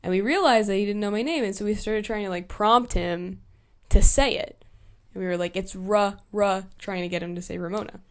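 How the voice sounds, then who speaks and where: A young woman hosts her podcast alone and tells a relaxed story. She talks in a chatty, meandering way, with plenty of "like" fillers and self-corrections. Her voice sits at an ordinary middle pitch. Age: young adult. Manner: chatty, heavy use of "like" fillers, quick asides and self-corrections. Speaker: podcast host. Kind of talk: casual solo storytime chat.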